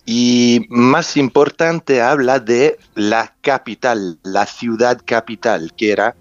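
Speaking slowly in a mid-range voice, a male underwater explorer and researcher recounts his story as an interview guest. He's a native English speaker with a foreign accent, searching for words and repeating for emphasis. There's no room sound, though the audio is muffled with music in the background.

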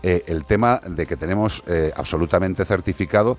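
A man from hosting a radio show as a veterinarian, explaining things in a wry, casual way with drawn-out asides. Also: deep voice, faint music behind.

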